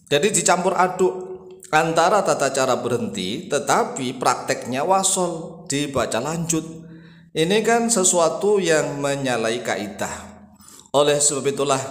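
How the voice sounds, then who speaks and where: A man explaining a point of religious practice, now and then chanting phrases slowly to demonstrate. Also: fairly high pitch. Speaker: religious teacher. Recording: echoey room with long reverb.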